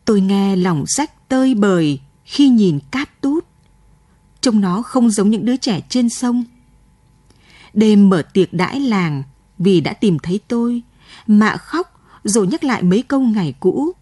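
Husky woman narrating a late-night radio story. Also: mid-range voice, animated, warm tone, dry recording. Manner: slow, sorrowful reading.

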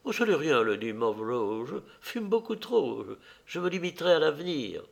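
A man's voice: fairly high pitch, very animated, normal speed, gravelly. A man voicing a stately society lady who speaks in a polite, dignified way.

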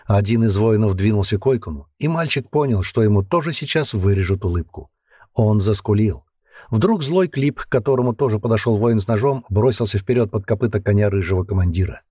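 Low, husky male audiobook narrator. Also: lively intonation, fairly quick, mellow, no room sound, clean studio sound.

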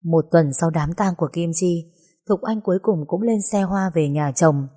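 A woman reading a first-person story aloud in a sorrowful, measured way. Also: fairly low pitch, warm tone, husky. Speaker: narrator.

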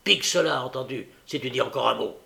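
A man reading an audiobook, voicing a sly old male fence who coaxes and stammers to calm others. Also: medium pitch, fast, vocal fry. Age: older. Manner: stammering, coaxing, placating. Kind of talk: audiobook character voice.

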